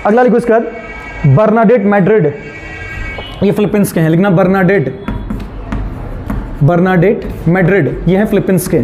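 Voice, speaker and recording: High-pitched Indian man dictating class notes. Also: moderate pace, pauses often, over music. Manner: dictating notes, repeating phrases for students to write down; mixes Hindi with English terms. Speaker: teacher of a current affairs exam class.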